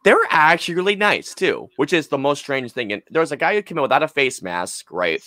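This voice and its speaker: Brisk and sing-song, his fairly high voice has a sharp tone on a dry recording. He's a twenty-something podcast co-host given to emphatic, rambling, sweary chat and storytelling. He sits close to a desk mic on a boom arm in a small room at home.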